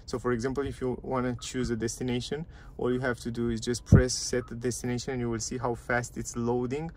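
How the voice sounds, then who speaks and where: Sitting in a parked car, a man reviewing cars chats his way through the dashboard and touchscreen menus in a casual walkthrough. His medium-pitched voice is level, brisk, and a little mellow; he repeats phrases and speaks with non-native grammar over slight background noise.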